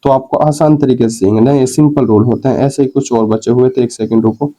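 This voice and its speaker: A man's voice: mid-range voice, steady tone, fairly quick, dark tone, low-quality recording. A male teacher, patiently explaining grammar rules and checking in with his students again and again. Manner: repeats "ठीक है" to check understanding, asks and answers his own questions. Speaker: English teacher.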